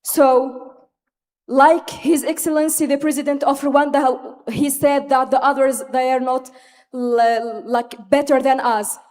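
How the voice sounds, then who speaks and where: High-voiced young Tunisian woman, echoing hall. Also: fairly even intonation, measured pace, darkish tone. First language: Arabic. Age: young adult. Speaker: audience speaker at a youth forum. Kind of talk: impromptu speech from the floor. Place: conference hall, microphone from the floor. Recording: echoing large hall with long reverb.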